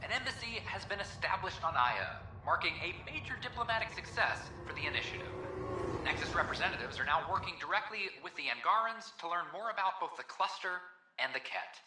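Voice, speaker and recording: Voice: medium pitch, sing-song, a little fast. An actor playing a station announcer, reading formal news bulletins and notices over a public address system in a video game. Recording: echoey PA with loud ambient hum.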